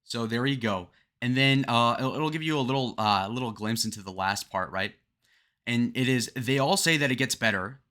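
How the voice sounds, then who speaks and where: A man's voice: mid-range voice, moderate pace, pushed and bright. A young man in his twenties giving a blunt, rambling breakdown of a song, full of fillers. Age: 20s. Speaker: music commentator. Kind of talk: casual song breakdown commentary.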